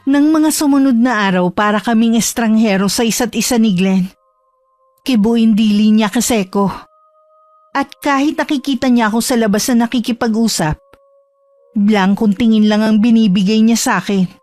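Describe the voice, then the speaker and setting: Casting: female narrator, steady storytelling, dry close sound, faint music. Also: a little high, normal speed, dry recording. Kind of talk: first-person horror story narration.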